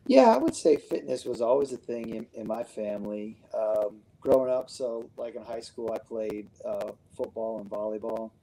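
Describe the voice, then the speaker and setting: A man from Connecticut telling his story as a podcast guest in a relaxed, rambling way. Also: lowish voice, moderate pace, gravelly, hardly any pauses, rough recording. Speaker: guest, business owner. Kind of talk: casual interview chat.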